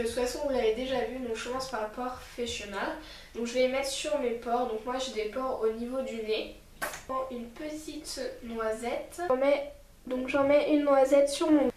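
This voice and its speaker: A woman's voice: fairly high pitch, a little mellow, slight background noise. Chatty woman vlogger, echoey room. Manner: rambling, chatty, talks to viewers directly. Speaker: beauty vlogger. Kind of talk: casual makeup review and tutorial.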